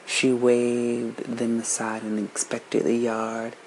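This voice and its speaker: A man reading a story aloud in a measured, descriptive way. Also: mid-range voice, completely flat delivery, slight background noise, poor audio. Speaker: narrator.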